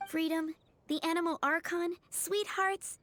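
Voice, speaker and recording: A woman playing a friendly, expressive young townswoman in an anime-style video game. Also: very high-pitched, measured pace, a little hiss or hum. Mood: wistful, friendly. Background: music.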